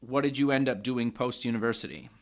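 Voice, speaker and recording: A North American man hosts a podcast in a casual, upbeat way, loosely feeling his way into each question. His voice sits at an ordinary middle pitch. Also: a little fast. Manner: upbeat, hedging with "kind of" and fillers. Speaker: podcast host. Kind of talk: casual interview hosting.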